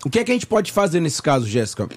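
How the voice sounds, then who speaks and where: A man's voice: a little high, sing-song, rapid-fire, a little mellow. A man from Bahia, Brazil, talking as a tax lawyer guest on a radio morning show, chatty and full of fillers and repeats. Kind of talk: casual radio interview. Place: radio studio.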